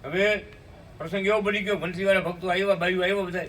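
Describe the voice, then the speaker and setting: A man giving a devotional storytelling sermon, slipping into slow chanted hymn lines and asking his listeners questions. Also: high-pitched, fairly even intonation, a bit bright. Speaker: spiritual speaker at a satsang. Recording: distant mic with faint room noise.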